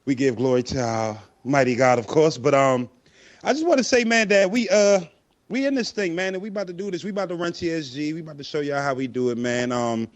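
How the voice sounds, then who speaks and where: A man's voice: on the high side, expressive, brisk, highs cut off. A man guest on a casual sports talk show, talking with a boastful, drawling swagger. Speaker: podcast guest. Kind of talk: casual chat.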